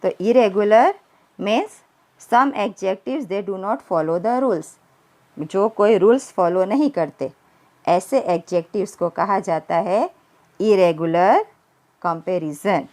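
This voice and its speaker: A primary school English teacher, a woman with a medium-pitched, dark voice, gives a recorded grammar lesson at an unhurried, deliberate pace. She mixes Hindi and English and spells words out letter by letter. Her English phrases come slowly and carefully, while her Hindi explanations move faster.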